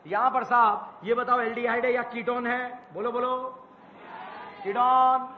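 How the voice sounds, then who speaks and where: A male chemistry teacher with a strikingly high voice quizzes his students nonstop in a call-and-response rhythm, shouting now and then to drive a point home. The sound is muffled and lo-fi, with a long hall echo behind him. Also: level tone, measured pace, slight background noise. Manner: bursts of loud shouted emphasis. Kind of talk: exam-prep lecture.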